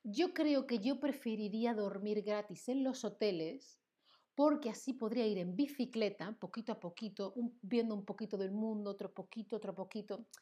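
Mellow and medium-pitched, this young woman from Seville hosts a fun Spanish class streamed live, her Andalusian accent clear throughout. She banters with the audience, laughs a lot, and reads chat names out loud. When going through word lists, she speaks slowly with halting fillers.

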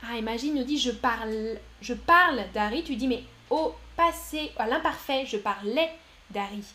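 A high-voiced French teacher streams a live lesson, reading out one chat answer after another and offering praise for each. She sounds encouraging and upbeat, her tone bright and forceful, her pace moderate.

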